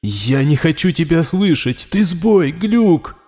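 A man's voice: fairly high pitch, lively intonation, normal speed, dry recording, studio quality, pitched above the performer's own voice, natural voice. A man playing a panicking architect. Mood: panicked. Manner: panicked, defensive, shouting. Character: frightened middle-aged male architect losing control.

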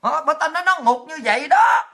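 A woman who talks fast. Her voice sits a bit high and has a bright, forceful edge. She delivers a crude, mocking monologue laced with profanity. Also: animated.

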